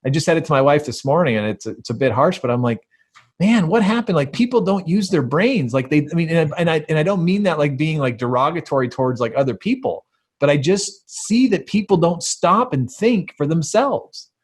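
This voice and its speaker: A man's voice: fairly high pitch, lively intonation, fairly quick, breathy edge. A man co-hosting a podcast in casual conversation, talking in an emphatic, rambling way full of fillers. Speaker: podcast co-host.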